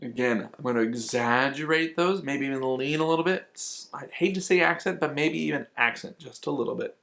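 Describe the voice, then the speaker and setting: A man's voice: mid-range voice, brisk, gravelly, a bit bright, a little hiss or hum. A man talks through a flute solo as a teacher, patient and methodical. He repeats his key points to drive them home, with a mid-range voice that sits in an everyday register. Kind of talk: instructional explanation.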